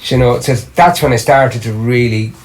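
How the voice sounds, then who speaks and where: A casual interview chat features a middle-aged Irish singer-drummer as the podcast guest. At a moderate pace and in a mid-range voice, he rambles, restarts often, and tells his stories with real animation.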